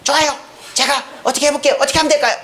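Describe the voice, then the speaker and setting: A man's voice: extremely high pitch, steady tone, rapid-fire, pushed and bright, pitched above the performer's own voice, exaggerated voice. A man voicing a sweet-talking young girl who coaxes her father in a whiny, giggly way. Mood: eager.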